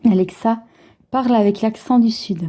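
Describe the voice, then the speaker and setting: A woman's voice: fairly high pitch, normal speed, mellow. Woman giving brief voice commands. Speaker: video host testing a smart speaker. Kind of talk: short spoken commands.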